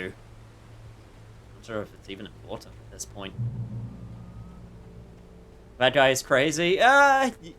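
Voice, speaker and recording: A game streamer gives casual let's-play commentary, reacting playfully, muttering to himself and swearing now and then. His male voice sits on the high side and sounds pushed and bright. Faint background noise can be heard.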